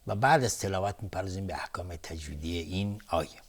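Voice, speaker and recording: A man teaching tajweed on a TV lesson, chanting slowly and melodically and then explaining the rules in quick, plain speech. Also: low voice. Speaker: Quran recitation and tajweed teacher.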